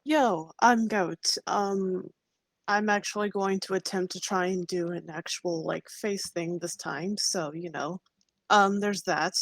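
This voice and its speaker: A woman's voice: fairly low pitch, steady tone, measured pace, dry recording. A woman chatting casually and a bit hesitantly as a player introducing herself on a tabletop show. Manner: hesitant, offhand. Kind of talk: casual chat.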